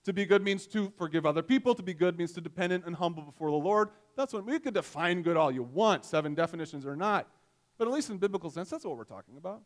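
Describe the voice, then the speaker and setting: A man in his forties delivers a sermon from a church stage, his voice sitting noticeably high for a man. He keeps it conversational and self-deprecating, telling homely stories between points. The sound is close and clean from a headset mic. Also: lively intonation, fast. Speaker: pastor.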